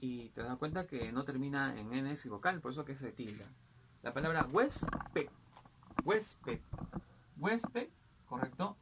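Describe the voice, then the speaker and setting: A man's voice: medium pitch, fairly quick, background noise. Man teaching, forever asking "¿correcto?". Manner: keeps asking "¿correcto?" and "¿no?", many "eh" and "este" fillers; addresses the student directly in a patient explaining tone. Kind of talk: school grammar lesson.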